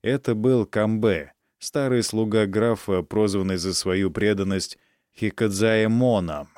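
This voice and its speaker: A man narrating a literary novel as an audiobook in a measured, dramatic reading. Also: on the low side, darkish tone, dry recording, clean studio sound.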